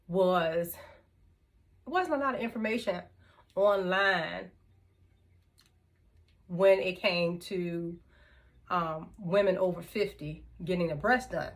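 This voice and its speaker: A woman in her fifties chatting casually to camera as a vlogger, laughing often between thoughts. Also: on the low side. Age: 50s. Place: indoors, room with music she turned off.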